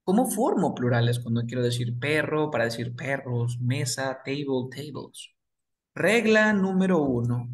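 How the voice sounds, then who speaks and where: Spanish-speaking man as a patient English tutor, unhurried, repeats words and quizzes the listener. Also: mid-range voice, expressive. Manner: repeats words slowly, asks and answers his own questions. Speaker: English teacher. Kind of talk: explaining grammar to beginners.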